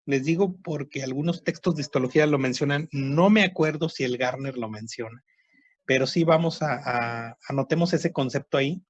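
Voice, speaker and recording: A man's voice: mid-range voice, normal speed, dry recording, lo-fi sound. A man teaching a histology class online, explaining slides and repeating key terms while checking that students follow.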